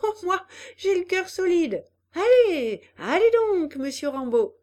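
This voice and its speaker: A woman reading aloud, voicing a proud, excitable young woman who calls out in a raised, high voice. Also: slow pace, heavily acted. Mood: bold. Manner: high calling cries.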